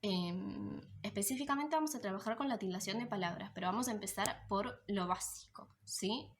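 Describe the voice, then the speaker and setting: Woman teacher, mid-pitched, explains a class lesson patiently and step by step. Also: moderate pace, a little hiss or hum. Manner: patient, explanatory, checks in with a frequent "right?". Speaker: secondary school teacher.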